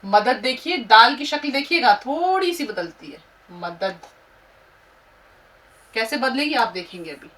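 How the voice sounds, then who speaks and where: A woman teaching Urdu, slowly and patiently spelling words out letter by letter. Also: a little high, lively intonation, fairly bright tone, distant mic.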